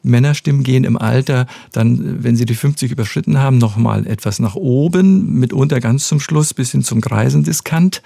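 Giving expert interview answers, this speech scientist—a male professor—speaks carefully and precisely in a deeply gravelly, creaky voice of medium pitch. His tone comes across as mellow and dark, captured in a close, dry recording without any echo.

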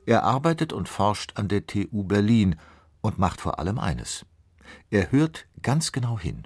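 A man narrating a radio feature in a smooth, measured, scripted way. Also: lowish voice, big pitch swings.

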